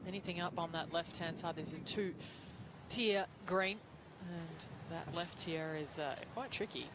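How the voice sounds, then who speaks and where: Lowish-voiced woman commentating on golf, noisy background. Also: a little slow. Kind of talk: analytical live sports commentary. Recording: clear outdoor background noise.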